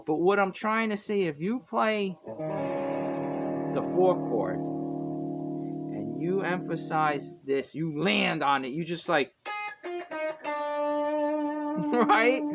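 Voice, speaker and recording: A man with a fairly high voice teaches guitar in loose, rambling talk, often breaking off to fix himself and chuckle. The recording is dull and lo-fi. His own guitar rings out clearly behind him. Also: expressive, slow pace. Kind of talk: casual music lesson.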